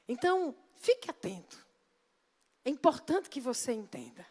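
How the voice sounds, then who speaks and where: A woman pastor delivers a sermon in a church. Her voice sits high and clear, and she presses her points with emphatic rhetorical questions put to the congregation.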